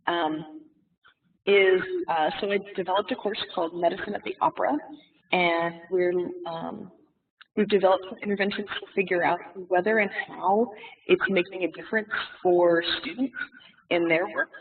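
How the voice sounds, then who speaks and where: A webinar presenter talks haltingly, filling pauses with ums and uhs, in a gravelly voice. The call audio carries a sudden reverb, as if heard in an echoing room, and sounds thin and phone-like from off the mic. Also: mid-range voice, distant mic. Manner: hesitant, with many fillers.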